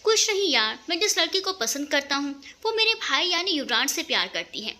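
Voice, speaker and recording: A brooding young man insists the girl must be his. A woman storyteller voices him without lowering her bright, high voice, so he stays close to her own sound. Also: big pitch swings, a little fast, full character voice. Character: obsessive young man, possessive rival suitor.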